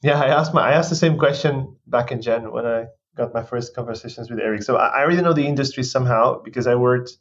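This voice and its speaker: A man's voice: medium pitch, fast talker, few pauses. Portuguese-born man in his thirties, dull sound. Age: 30s. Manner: thoughtful, with restarts and non-native phrasing. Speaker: guest executive. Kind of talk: podcast interview.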